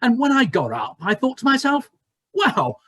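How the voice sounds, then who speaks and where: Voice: high voice, huge pitch swings, moderate pace, fairly bright tone, slightly rough, dry recording, clean studio sound, full character voice. An actor playing a relentlessly cheerful, bumbling leader in a comic pantomime, pompous and blustering. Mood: cheery.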